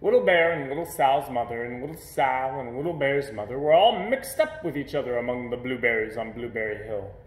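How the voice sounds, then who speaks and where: A man reading a children's picture book aloud in an expressive storytelling manner. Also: medium pitch, a little fast, hardly any pauses, echoey room, low-quality recording. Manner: expressive storytelling with playful sound words. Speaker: storybook reader.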